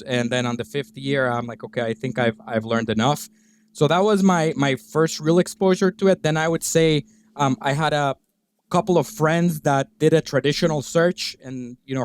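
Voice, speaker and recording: A man in his thirties from Guatemala, a podcast guest talking through his career in a relaxed, halting way with lots of fillers. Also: mid-range voice, clear, resonant tone, no room sound. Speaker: podcast guest, business owner. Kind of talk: conversational interview.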